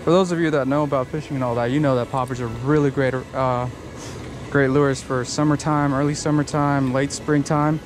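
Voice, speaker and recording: A young man, chatting casually and excitedly while fishing from rocks at a park pond, rambling through explanations with lots of fillers. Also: medium pitch, moderate pace, over music. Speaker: fishing vlogger. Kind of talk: casual outdoor fishing vlog. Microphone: head-mounted action camera.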